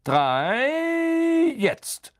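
Casting: a male narrator doing an encouraging wizard schoolteacher, high and upbeat, kind and steady, for a storybook reading. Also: slow, exaggerated voice. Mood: coaxing. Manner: raised, upbeat, coaxing delivery. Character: kindly male wizard teacher, calm and encouraging. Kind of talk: audiobook character voice.

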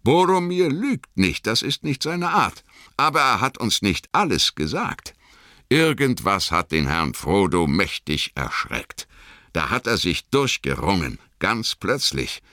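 A man's voice: lowish voice, sing-song, a little slow, sharp tone, no echo, studio quality, pitched above the performer's own voice, full character voice. A man voicing a loyal, anxious male hobbit servant who pleads and stubbornly insists in a strained, pressing voice. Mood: brooding.

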